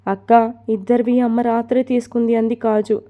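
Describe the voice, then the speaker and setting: A woman voicing a caring younger sister who calmly reassures her older sister. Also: fairly high pitch, fairly quick, narrow, tinny audio, natural voice. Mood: reassuring. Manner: reassuring, persuasive.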